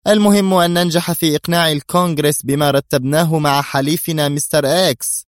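A man voicing a sharp, cold female national security adviser in an audiobook, speaking curtly. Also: a little high, fairly even intonation, fast, dry recording, clean studio sound, natural voice. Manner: sharp, curt.

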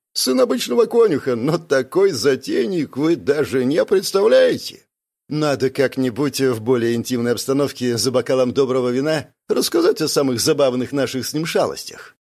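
A man's voice: medium pitch, darkish tone. A man voicing a pompous, condescending nobleman who leads a mission.

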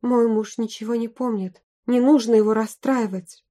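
A woman's voice: fairly high pitch, fairly even intonation, moderate pace, dark tone, close to an everyday voice. A woman voicing a young pregnant wife who chatters nonstop and protects her husband. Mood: protective.

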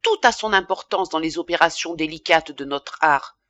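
A woman's voice: sits low, moderate pace, fairly bright tone, no room sound, dull audio, voice pushed down. A woman voicing a pompous ranting apothecary. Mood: indignant. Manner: ranting, indignant tirade. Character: pompous middle-aged male apothecary, irascible.

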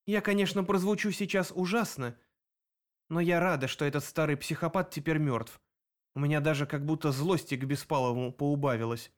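A man reading an audiobook, voicing a young woman who grieves her murdered friend and wants revenge, with an emotional, sharp voice. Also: on the high side, normal speed, close to an everyday voice. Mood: warm.

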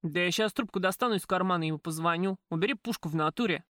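A woman voicing a coarse male gangster thug who talks gruffly and bluntly in an audiobook. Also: fairly low pitch, very fast, fairly bright tone, no echo, clean studio sound, natural voice. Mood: sullen.

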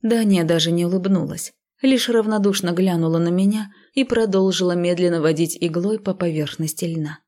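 A woman reading a fantasy audiobook in the first person, lively and gently ironic. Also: lowish voice, normal speed, hardly any pauses. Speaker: audiobook narrator.

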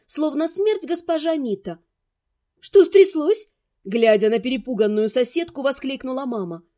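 A woman calmly narrating a first-person fantasy audiobook. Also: high voice.

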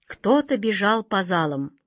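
A woman narrates a fairy tale in a measured, expressive reading. Her voice sits in a middle pitch, and the recording is dry and close with no room sound. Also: no room sound. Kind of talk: scripted storybook narration.

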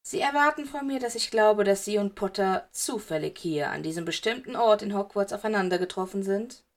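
A woman voicing a stern, cool male schoolteacher who speaks in low, measured, clipped commands. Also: lively intonation, close to an everyday voice. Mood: stern, commanding.

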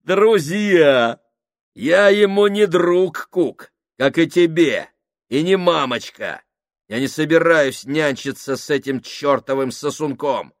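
A man voicing a crude, bullying male sailor who shouts insults and jeers at his crewmates. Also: fairly high pitch, takes it slowly, no echo, studio quality, pitched above the performer's own voice. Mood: scornful.

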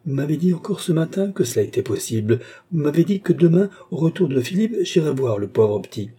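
A proud, impassioned young noblewoman, read by a man, her dark, husky tone climbing into sharp bursts of command. She pleads hard and refuses to be held back. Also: a little high, big pitch swings, a little fast, voice pushed up. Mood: frantic. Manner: pleading, rising to commanding outbursts. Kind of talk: audiobook character reading.

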